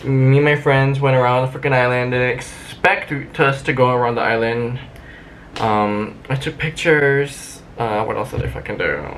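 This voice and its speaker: A man's voice: medium pitch, normal speed, a bit bright, slight background noise. A young man vlogging casually on a city street, rambling and swearing, with a handheld camera and music playing behind. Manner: rambling, profane, self-mocking. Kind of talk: casual vlog chatter. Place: city street outdoors, walking.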